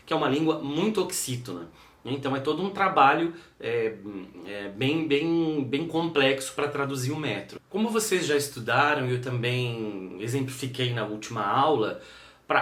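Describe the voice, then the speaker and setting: A man's voice: mid-range voice, fairly bright tone. A man with a Brazilian Portuguese accent giving a recorded university lecture, explaining step by step and thinking aloud with frequent fillers. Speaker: university teacher. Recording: echoey room.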